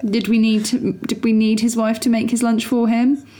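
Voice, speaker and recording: A woman's voice: fairly high pitch, moderate pace. A woman, chatting casually and laughing as she reacts to a video. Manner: chatty, expressive, laughs often. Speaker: podcast co-host reacting to a video. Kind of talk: casual chat.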